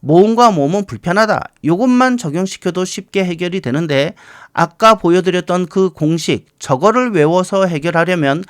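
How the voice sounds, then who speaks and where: High, smooth-voiced middle-aged male teacher. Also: no echo, studio quality. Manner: playful, talks to words as if they were people; reads English examples slowly and deliberately. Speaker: English teacher. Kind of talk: recorded grammar lecture. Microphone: close studio mic, voice-over.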